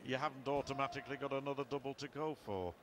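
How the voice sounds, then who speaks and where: A man's voice: mid-range voice, fairly even intonation, very fast. A man giving darts commentary on television with conversational asides. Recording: clearly noisy broadcast with arena ambience.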